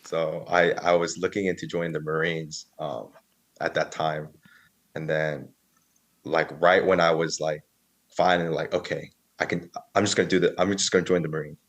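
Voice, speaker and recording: Very deep-voiced man in his thirties. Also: fairly even intonation, normal speed. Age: 30s. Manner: rambling, filler-heavy, quotes others. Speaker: guest. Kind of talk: casual interview storytelling.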